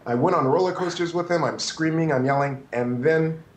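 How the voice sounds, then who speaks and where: A man in his fifties, a photographer telling stories as an interview guest, animated and prone to restarts. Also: fairly high pitch, a little fast, roomy sound, slight background noise, low-quality recording. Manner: animated, restarts and acts out quotes. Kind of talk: anecdotal interview storytelling.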